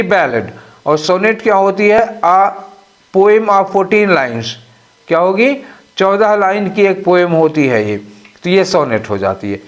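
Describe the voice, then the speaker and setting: A man teaching English for an exam, explaining in a mix of Hindi and English and asking and answering his own questions. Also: sits high. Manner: slows way down to read out English phrases. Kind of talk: exam-prep lesson.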